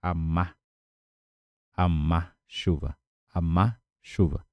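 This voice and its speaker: A man giving a language lesson at a whiteboard, patiently explaining words and repeating each one slowly. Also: deep voice, fairly even intonation, dry recording. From Paraguay. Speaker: language teacher.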